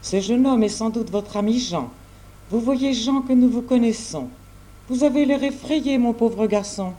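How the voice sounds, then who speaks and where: A gracious noblewoman, kind and reassuring, speaks in a mellow, dark tone at a middling pitch, voiced by a man reading aloud. It is a storybook reading. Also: a little slow. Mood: kindly.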